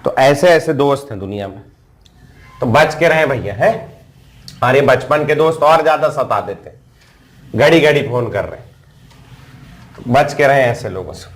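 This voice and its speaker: A male chemistry tutor, speaking at a middle pitch. He tells a lively story in the middle of his lecture, and his voice leaps upward whenever he sounds exasperated. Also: normal speed, pauses often. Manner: animated storyteller, voice jumps higher when exasperated.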